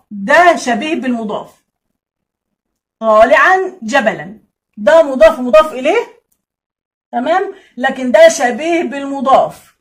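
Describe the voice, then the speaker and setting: An Egyptian woman teaching Arabic grammar in a casual, lively way, repeating key points and answering imagined student questions. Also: sits high. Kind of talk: casual classroom explanation.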